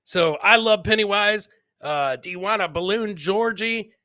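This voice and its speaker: Reading viewer comments aloud and responding, this man hosts a live comedy podcast chat, casually swearing and using plenty of fillers. He sounds high-pitched, bright and forceful yet unhurried, and the studio audio is clean with no echo.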